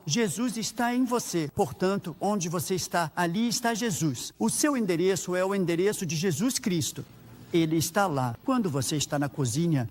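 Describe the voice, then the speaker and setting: A pastor with a Brazilian Portuguese accent preaches a sermon, weaving in personal anecdotes and praying aloud with earnest fervor. His voice is high-pitched, with slight background noise.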